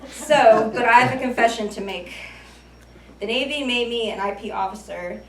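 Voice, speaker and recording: As the icebreaker speaker at a speaking club, a young American woman in her twenties delivers a prepared humorous speech at a moderate pace in a slightly high voice. She makes self-deprecating light joking asides, and the far-off mic catches plenty of room echo.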